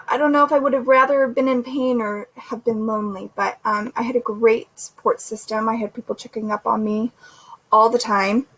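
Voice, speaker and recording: A woman's voice: a little high, fairly bright tone, poor audio. A young woman vlogging casually about her recovery, chatty with lots of fillers, sore and a little short of breath. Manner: chatty, many fillers and restarts. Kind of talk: casual recovery vlog chat.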